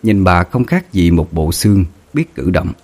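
Male narrator, low lively voice, dramatic ghost tale with faint music. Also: moderate pace. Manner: emotive, dramatic. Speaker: storyteller. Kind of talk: scripted narration of a ghost story.

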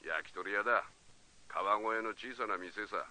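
An actor playing a gruff, blunt, proud former baseball player who talks rough and plain. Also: male voice, on the low side, a little slow, bright, forceful tone. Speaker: ex-baseball player turned commentator.

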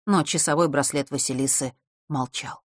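A woman narrating an audiobook chapter in a calm, measured reading on a close mic. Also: extremely low pitch, no room sound.

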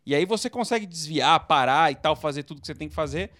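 A man from Brazil co-hosting a casual late-night chat show, telling animated stories and bursting into movie-style screams. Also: fairly high pitch, fast. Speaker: podcast co-host.

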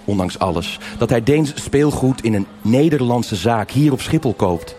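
A man with a warm, mid-range, natural voice plays the narrator and investigating officer of a live noir radio crime drama, music running beneath him. He is expressive and moves at a moderate pace, telling the story in a measured way. There is slight background noise.

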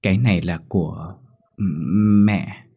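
A man's voice: low voice, steady tone, takes it slowly, mellow, husky, heavily acted. A man doing a curious, chatty little village girl. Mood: eager.

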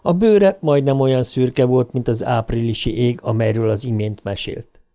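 A man narrating an audiobook in a measured, even storytelling manner. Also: medium pitch.

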